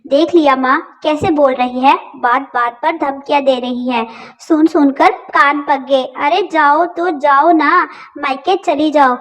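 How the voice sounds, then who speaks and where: A woman's voice: high voice, steady tone, a little slow, fairly bright tone. A woman voicing an exasperated young husband who scolds his wife. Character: fed-up young husband, short-tempered.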